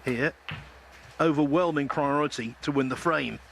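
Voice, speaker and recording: A man's voice: fairly high pitch, moderate pace, gravelly, fairly bright tone, slight background noise. A man giving live snooker commentary as the match commentator, with articulate, polished phrasing.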